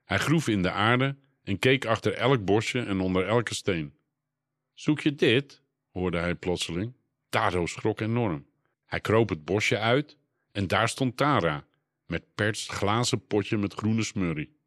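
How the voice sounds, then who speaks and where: A man narrating a children's storybook aloud in a calm, measured way. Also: fairly low pitch, no echo, studio quality. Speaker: audiobook narrator.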